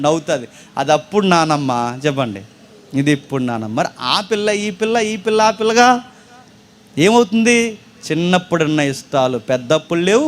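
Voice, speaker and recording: High-voiced preacher man, storytelling. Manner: storytelling, asks the audience questions, wide swings in loudness and pace. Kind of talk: sermon to young people.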